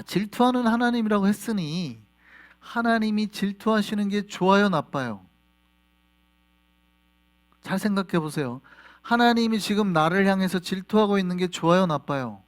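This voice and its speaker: A male pastor preaching a sermon in a church, animated and quizzing the congregation with questions. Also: high-pitched, normal speed. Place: church sanctuary.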